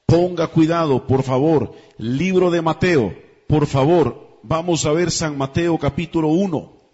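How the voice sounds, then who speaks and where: Pastor preaching, kinda husky higher voice, dull lo-fi echoey church sound. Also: male voice, a little slow, a little mellow. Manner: emphatic preaching, asks the congregation questions. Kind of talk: sermon.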